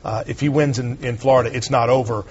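A man giving quick, assertive political analysis on a TV panel. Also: mid-range voice, steady tone, darkish tone, slightly rough, highs cut off. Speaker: conservative talk show host, panelist.

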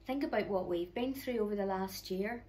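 A middle-aged woman with a Northern Irish accent, leading an online children's church talk from her living room. She speaks to the children directly in a warm, chatty, encouraging way into a close camera. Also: medium pitch, moderate pace, low-quality recording. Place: living room at home, indoors.

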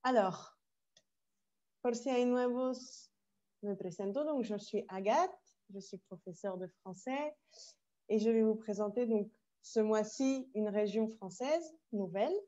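A French woman teaching a French class online, explaining slowly and carefully with asides in Spanish. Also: medium pitch, dark tone, dull audio. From France. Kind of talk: online language workshop. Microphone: video call.

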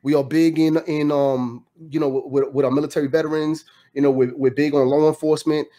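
A man's voice: on the high side, level tone, fairly quick, warm tone. A man from the Dominican Republic hosting a casual interview, speaking emphatically and repeating his phrases for effect. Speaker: podcast host. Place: home studio indoors. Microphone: studio mic with headphones.

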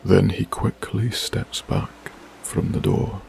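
Deep, gravelly, slow sleep-story narrator man. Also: very animated, a little hiss or hum. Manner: soft, hushed, breathy.

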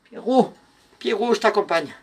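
A man hosting a live-stream clothing sale, theatrically teasing and mock-insulting his viewers by name, swinging between muttering and shouting. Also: high voice, animated, normal speed, gravelly, background noise. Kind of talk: live-selling stream chat.

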